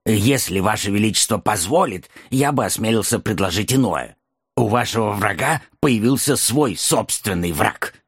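An actor voicing a fawning, scheming dwarf servant to an evil queen, with a husky voice, in an audiobook. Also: lowish voice, expressive, moderate pace, no echo, studio quality. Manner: servile, scheming, obsequious. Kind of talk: audiobook character reading.

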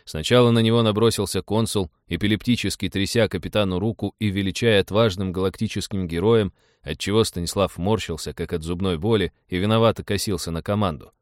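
Мужчина-чтец, размеренно читающий фантастическую прозу вслух. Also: male voice, sits low, no room sound, clean studio sound. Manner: measured storytelling. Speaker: audiobook narrator. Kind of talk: scripted narration.

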